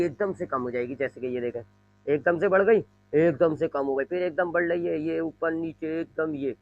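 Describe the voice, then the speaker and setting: A man teaching a physics lesson, explaining slowly and repeating his points, now and then imitating sounds. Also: fairly high pitch, a bit bright, highs cut off. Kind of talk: classroom lecture.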